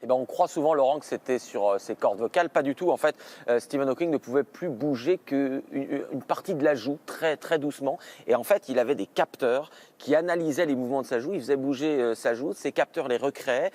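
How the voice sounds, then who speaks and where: A man's voice: medium pitch, fairly quick, darkish tone. A male correspondent in live news chat, explaining step by step in a conversational way. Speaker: foreign correspondent.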